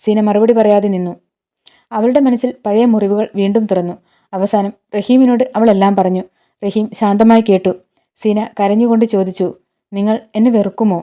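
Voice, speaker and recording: Give me a woman narrating a heartfelt story calmly, with a deep mellow tone. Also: moderate pace.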